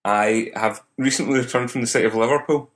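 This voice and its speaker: A man in his thirties with a Glaswegian Scottish accent, co-hosting a casual podcast. He tells stories in a relaxed, dry manner, with a mid-pitched voice. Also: fast. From Scotland. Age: 30s. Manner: easygoing, dry storyteller. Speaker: podcast co-host. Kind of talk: casual chat.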